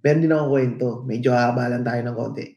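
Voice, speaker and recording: Filipino man, middle-aged podcast co-host, mid-pitched, reflective storytelling, roomy echo. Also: fairly even intonation, quick pace, mellow, muffled recording. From Philippines. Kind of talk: casual podcast chat, mixing in English. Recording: echoey room.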